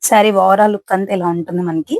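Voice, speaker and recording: A woman walks viewers through sarees in a casual, chatty selling patter, repeating her points as she goes. Her mid-pitched voice sounds dry and close, with almost no room sound. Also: fairly even intonation, quick pace, a little mellow, dry recording, poor audio. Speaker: saree seller. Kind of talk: casual product showcase.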